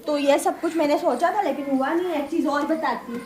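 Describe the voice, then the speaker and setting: एक औरत, पाकिस्तानी उर्दू लहजे में, गाँव के घर के आँगन में बाहर खड़ी होकर दर्शकों से अनौपचारिक व्लॉग अंदाज़ में बातें करती है, बार-बार "सही है?" पूछती है और बहसों की नकल बड़े जोश से करती है।. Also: female voice, high-pitched, brisk, a little hiss or hum. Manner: chatty, keeps asking "right?"; animated, re-enacts arguments. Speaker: village vlogger. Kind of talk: casual vlog chat to viewers. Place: outdoors at a village house courtyard.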